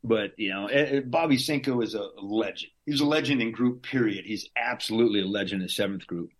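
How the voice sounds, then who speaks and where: Brisk and lowish in voice, a middle-aged Green Beret veteran from Southern Louisiana tells stories casually as an interview guest. He rambles along with lots of restarts and chuckles.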